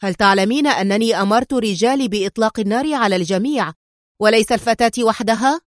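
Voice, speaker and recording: A woman voicing a hot-tempered mafia leader who speaks sharply and forcefully. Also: fairly high pitch, quick pace, no echo, clean studio sound, natural voice. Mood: harsh angry.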